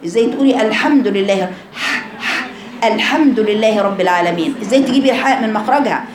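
A woman's voice: mid-range voice, expressive, a crowd in the background. Egyptian woman teaching recitation, echoey. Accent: Egyptian Arabic. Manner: explains with questions, demonstrates sounds by drawn-out chanting. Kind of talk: informal tajweed lesson to female students.

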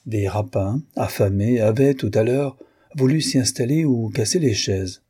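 A man reading a novel aloud as narrator, measured and expressive. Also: medium pitch, breathy edge.

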